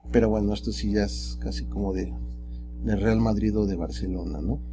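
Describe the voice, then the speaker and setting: A man teaching calculus in a relaxed, chatty way, often tagging his sentences with rhetorical questions. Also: lowish voice, normal speed, gravelly, music in the background. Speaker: math teacher. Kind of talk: recorded screen lesson.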